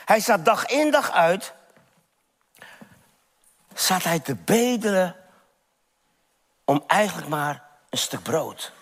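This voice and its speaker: A male preacher delivers a dramatic sermon with much emphatic repetition. His voice is high and swoops widely, and he speaks slowly. A long reverb from the church hall trails behind every phrase. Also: expressive, a bit bright.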